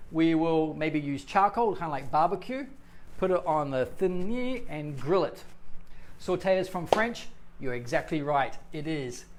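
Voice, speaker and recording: Playful, chatty male English teacher. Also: on the high side. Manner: chatty and playful, jokes with viewers. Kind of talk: live-streamed English lesson.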